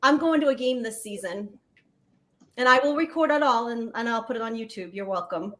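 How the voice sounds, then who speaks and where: A woman hosting a casual livestream chat about coins, giggly and animated as she tells stories. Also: a little high, fairly quick. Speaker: coin channel host.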